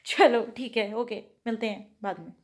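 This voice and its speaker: A woman's voice: on the high side, moderate pace. A woman vlogging casually at home, thinking aloud and rambling to her viewers. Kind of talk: casual chatty home vlog.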